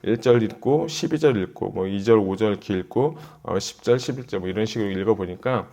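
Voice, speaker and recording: A man's voice: fairly low pitch, brisk, dark tone. A middle-aged male pastor giving a Bible exposition sermon, talking through his thoughts casually and turning earnest and urgent when he urges his listeners. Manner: conversational, thinks aloud, grows urgent when exhorting.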